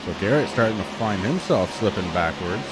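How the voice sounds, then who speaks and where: A man's voice: on the low side, expressive, a little fast, very noisy. A man calling a stock car race as a play-by-play motorsport commentator, with an announcer's delivery that draws out key phrases.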